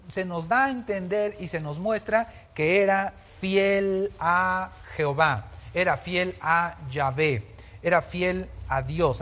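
High-voiced man teaching the Bible. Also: a bit bright. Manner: explanatory, many fillers and restarts.

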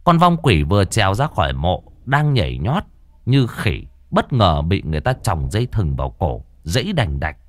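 A man narrates a horror tale with lively, swooping intonation. His voice sits somewhat low, and the recording is dry and close. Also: normal speed, hardly any pauses, dry recording. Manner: vivid, expressive storytelling. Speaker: storyteller. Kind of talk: dramatic horror story narration.

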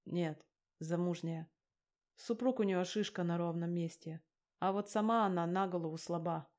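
A shifty, cowardly man from an audiobook, voiced by a woman narrator. He brushes people off in a flat, dismissive tone, with a voice pitched low. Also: normal speed, close to an everyday voice. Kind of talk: audiobook character reading.

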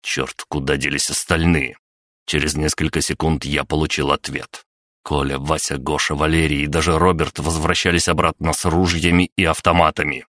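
A man reading a first-person story aloud in a steady, low-key way as an audiobook narrator. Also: normal speed, no room sound, clean studio sound.

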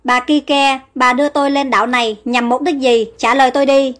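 A woman's voice: high-pitched, flat delivery, a little fast, lightly acted. A woman voicing an earnest young heroine in an audio storybook. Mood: alarmed. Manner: earnest, pleading. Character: young woman, trusting then frightened. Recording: faint music underneath.

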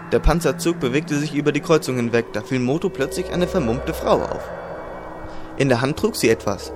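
A man narrating a dramatic fantasy audiobook in a measured storytelling manner. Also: a little high, background noise. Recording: loud music under narration.

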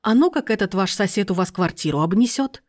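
A woman reading aloud and voicing a domineering middle-aged aunt who bursts into shrill, indignant outbursts. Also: expressive, brisk, a little mellow, lightly acted.

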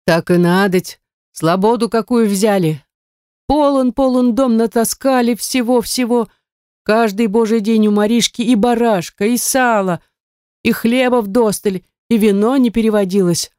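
A female narrator voicing a spiteful old nanny in a storybook, shrill and gloating. Her voice sits higher than the reader's own and stays slow. The recording is close and dry. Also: darkish tone, no room sound, natural voice.

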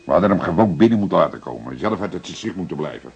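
In a radio drama, an actor plays a seasoned, calm police detective who is measured, persistent, and dryly matter-of-fact. His male voice is low-pitched and slightly rough, the performance heavily acted, and the audio has its highs cut off.

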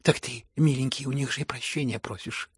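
A man reading a furious, hysterical elderly noblewoman who scolds everyone around her, in shrill raised bursts. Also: steady tone, brisk, breathy edge, no room sound, clean studio sound. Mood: scolding. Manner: shrill scolding outbursts, rising to shouts.

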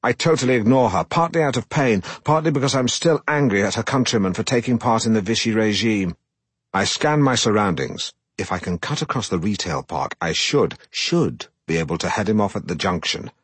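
A middle-aged man, reading a comic first-person story aloud in a deadpan, self-important manner, close to the mic. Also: fairly low pitch, a little fast, husky, dry recording. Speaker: audiobook narrator.

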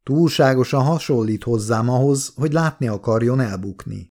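Laconic male assassin, read by a man, audiobook, curt, dry, mid-pitched voice. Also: darkish tone, lightly acted. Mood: cool.

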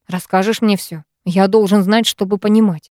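Woman voicing a furious young man, commanding, loud, dry close sound. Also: mid-range voice, steady tone, moderate pace, no echo, lightly acted. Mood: forceful.

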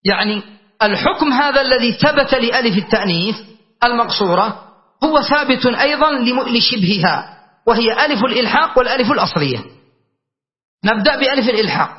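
A man teaching a classical grammar lesson, explaining patiently and checking in with his students. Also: very high voice. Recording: dull lo-fi recording.

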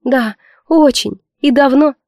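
A woman voicing a weepy, heartbroken young noblewoman in an audiobook, speaking in a high, pleading, tearful voice. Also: slow, a little mellow, dry recording, studio quality. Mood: lovesick. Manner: sobbing, pleading, high-pitched. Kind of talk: audiobook character voice.

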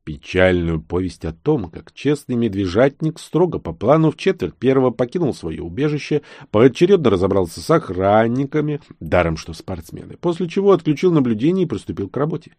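A man narrating an action audiobook in an expressive reading style. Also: a little fast, few pauses, no room sound. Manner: voices characters with lively rising pitch.

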